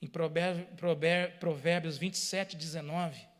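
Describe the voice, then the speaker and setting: A man's voice: fairly high pitch, steady tone, measured pace. A man preaching a sermon, speaking emphatically, repeating phrases and addressing the congregation directly.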